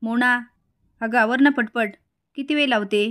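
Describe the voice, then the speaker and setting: A bossy sister-in-law who needles and blames everyone in a retold soap drama, voiced by a woman storyteller. Her lines come out high and pointed. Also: a little slow, a bit bright. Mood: needling.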